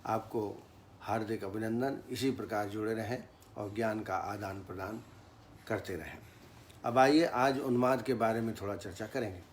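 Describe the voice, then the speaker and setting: A man teaching Ayurveda in a formal lecture, speaking in a measured tone and reciting Sanskrit verses. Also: on the low side, slight background noise.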